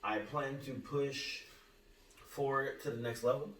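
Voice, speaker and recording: A man in his thirties hosting a podcast, talking earnestly in casual chat with halting restarts. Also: mid-range voice, fairly even intonation, fairly bright tone. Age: 30s. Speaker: podcast host. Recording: roomy, distant mic with faint hum.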